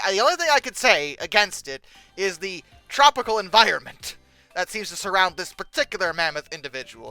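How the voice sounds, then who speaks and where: Sounding bright, forceful, clear and resonant at a medium pitch, the paleontology show host reads aloud and pokes fun with exaggerated indignation and weary sarcasm. There's no echo on the recording.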